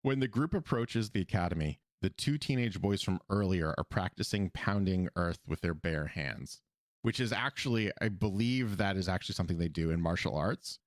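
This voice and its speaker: Low-voiced man recapping a cartoon, dry sound. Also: moderate pace, dry recording. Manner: animated, laughs often. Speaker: podcast co-host. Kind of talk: casual episode recap chat. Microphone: podcast microphone.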